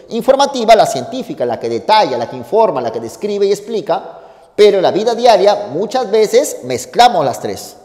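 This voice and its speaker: A male teacher giving a lesson, asking questions and answering them himself. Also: a little high. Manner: lively, asks and answers his own questions. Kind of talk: lecture. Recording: echoey room with long reverb.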